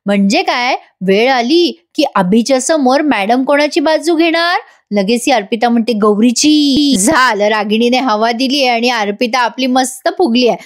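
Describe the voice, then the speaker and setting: A woman narrating a lively voice-over recap of a TV serial episode, talking to her viewers. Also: a little high, normal speed. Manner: lively storytelling, addresses viewers. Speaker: TV serial reviewer.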